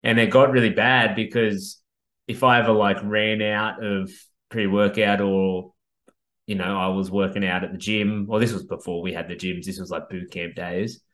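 A man's voice: fairly low pitch, steady tone, moderate pace, a bit bright. An Australian man hosting a podcast in casual chat, with a laid-back, understated way of talking. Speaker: podcast host. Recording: roomy, echoey sound.

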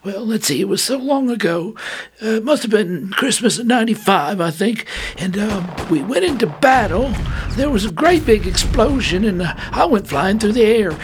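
A man voicing a lost young male toy soldier who talks in a plaintive, eager, halting way. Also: sits high, pitched above the performer's own voice.

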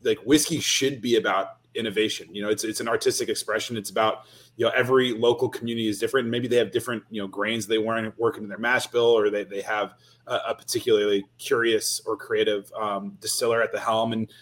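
A man's voice: fairly low pitch, little pitch movement, fast, fairly bright tone. Guy on a podcast as a guest, earnest, explains stuff, keeps saying right. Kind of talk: casual interview chat.

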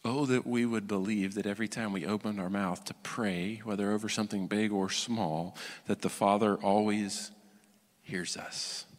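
A male preacher delivering a sermon, moving between loud emphatic stretches and quiet prayerful ones. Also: lowish voice, fairly even intonation, normal speed. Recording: long hall reverb.

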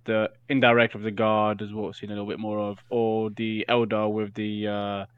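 A man's voice: on the low side, level tone, moderate pace, smooth, no echo, narrow, tinny audio. A man speaking as a guest on a casual gaming podcast, breaking down game strategy with frequent fillers and restarts. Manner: hesitant, many fillers and restarts, analytical.

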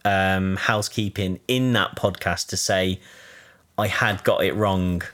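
A man in his thirties co-hosting a podcast, jokey and rambling with quick bursts of speech. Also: low-pitched, fairly even intonation, a bit bright. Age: 30s. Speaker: podcast co-host. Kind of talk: casual podcast chat.

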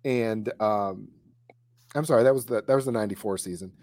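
A man's voice: fairly low pitch, fairly quick, darkish tone. Rambling man in casual chat. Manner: rambling, many fillers and restarts. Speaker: co-host recalling high school kicking.

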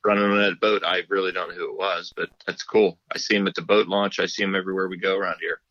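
A middle-aged fishing guide talking on speakerphone in an easygoing, folksy way, chatting casually on a podcast. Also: male voice, sits low, level tone, fast, fairly bright tone, no echo. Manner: easygoing, folksy, laughs often. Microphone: phone on speaker. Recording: dull speakerphone line.

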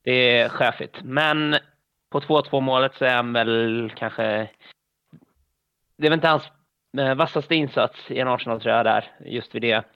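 A man co-hosting a football podcast, analysing calmly and hesitantly over a headset. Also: medium pitch, clean tone, no echo. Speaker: podcast co-host. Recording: dull lo-fi headset sound.

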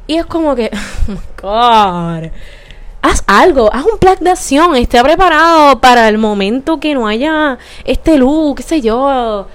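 A woman's voice: high-pitched, expressive, unhurried. A young woman with a Puerto Rican accent, ranting profanely in a casual monologue and slipping into English words. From Puerto Rico.

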